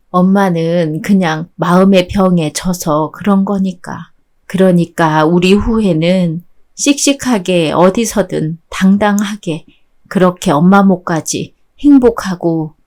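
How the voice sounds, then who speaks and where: A gentle, grieving mother speaks soft and slow, as a woman reader puts her on. Her voice sits low and tender, like a radio drama storybook parent saying goodbye.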